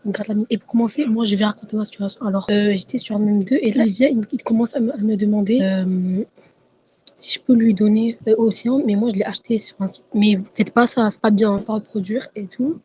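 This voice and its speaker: A young woman giving a halting, stammering testimony over a dull, lo-fi mic. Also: mid-range voice, steady tone, dark tone, husky. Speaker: testimony giver.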